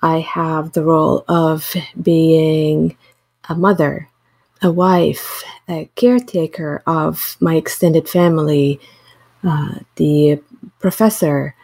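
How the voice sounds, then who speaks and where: A middle-aged woman from Syria speaks in a low, mellow voice. She answers interview questions slowly and thoughtfully, often pausing and restarting. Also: fairly even intonation. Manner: thoughtful, hesitant, many fillers and restarts. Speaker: associate teaching professor.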